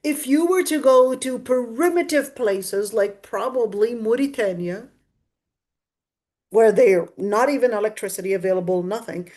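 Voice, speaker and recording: A female voice on the high side, teaching a religious class. She lectures in an emphatic, didactic way and comes back to key phrases, restating them for weight. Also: measured pace, darkish tone. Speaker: religious teacher giving a Quran exegesis class.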